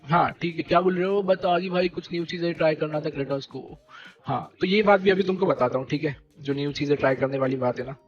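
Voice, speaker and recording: A young man leading a gaming team, ranting to his stream viewers in an animated, indignant way and repeating fillers. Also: a little high, a little fast, highs cut off, faint music behind. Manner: animated and indignant, keeps repeating "theek hai" and "bhai". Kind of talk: heated live-stream rant.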